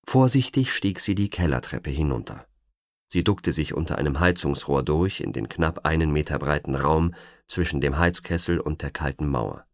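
A deep, low male voice narrating an audiobook with lively, wide-ranging intonation. The reading is suspenseful and expressive. The recording is dry and close, with no room sound. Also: moderate pace, dry recording. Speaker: audiobook reader.

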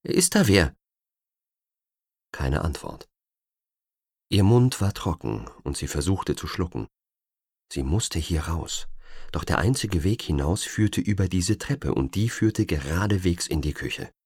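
A man reading an audiobook thriller with expressive, suspenseful narration. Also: low-pitched, measured pace, slightly rough, dry recording, studio quality. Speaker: audiobook reader.

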